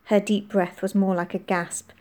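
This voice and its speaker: A woman narrating a children's story in a measured, clear storytelling manner. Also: mid-range voice, flat delivery, dark tone. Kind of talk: storybook reading.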